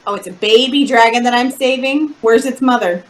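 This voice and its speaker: A woman player in a casual tabletop game, asking slow, questioning banter. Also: on the high side, poor audio.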